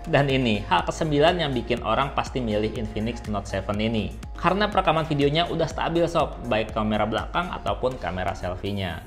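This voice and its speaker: A man presents a tech review in a casual, scripted style. His voice sits at a medium pitch, with music playing behind it. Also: expressive, brisk. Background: background music.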